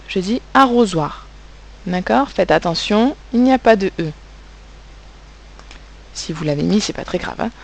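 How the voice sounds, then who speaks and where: A woman's voice: medium pitch, creaky, a little mellow. A woman teaching young children spelling and handwriting, speaking patiently and spelling out letters and sounds, with a French accent.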